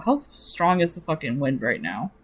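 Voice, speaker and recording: A young woman streamer chatting casually about her characters, animated, swearing freely and laughing often. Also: very deep voice, moderate pace, husky.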